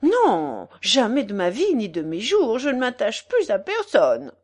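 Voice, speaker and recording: A woman's voice: a little high, huge pitch swings, measured pace, darkish tone, full character voice. A woman voicing a sick elderly man who speaks in a weary, pleading way.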